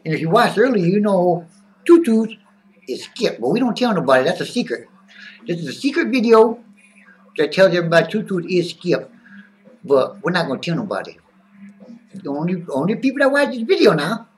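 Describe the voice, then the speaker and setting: A man's voice: high voice, sing-song, fairly quick, long pauses, far from the mic. A man voicing a zany, boastful male wrestling-fan character who drawls and talks about himself in the third person. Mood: brash.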